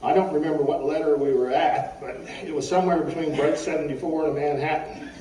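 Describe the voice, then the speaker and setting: A mature man delivers a eulogy from notes as a string of folksy, wry stories. His voice is mellow and slightly high for a man. He is heard some way from the mic in a roomy space. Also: steady tone, brisk. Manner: wry, folksy storytelling, often clearing the throat. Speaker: eulogist at a funeral. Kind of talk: personal eulogy read from notes, with humorous anecdotes. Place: echoey room at a funeral service. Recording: roomy, distant mic with faint background noise.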